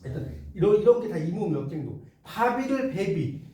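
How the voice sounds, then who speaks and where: Male lecturer, chatty and questioning, high-pitched, recorded in a roomy classroom. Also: sing-song, a little fast, warm tone. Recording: roomy classroom sound, mic far off.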